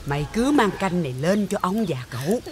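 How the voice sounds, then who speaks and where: An actress playing a stern, wealthy matriarch who scolds harshly, with a Southern Vietnamese accent. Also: female voice, on the low side, sing-song, brisk, background noise. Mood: angry scolding. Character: stern wealthy household matriarch, commanding and furious. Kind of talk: TV drama acting. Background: music.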